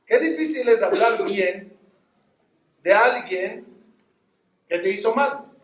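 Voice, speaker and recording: A man's voice: high voice, slow, far from the mic. A man, a rabbi, preaching a sermon and telling stories, talking straight to his listeners. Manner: animated storytelling, addresses the audience directly. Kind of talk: sermon with storytelling. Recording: echoey room.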